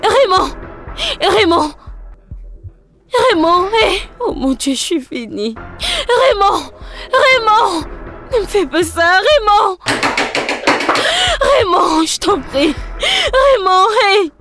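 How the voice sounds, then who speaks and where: A woman's voice: high-pitched, animated, a little slow, pauses often, music in the background. An actress dubbing an emotional young woman who pleads and cries out, in a French film dub. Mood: frantic. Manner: pleading, emotional, often crying out.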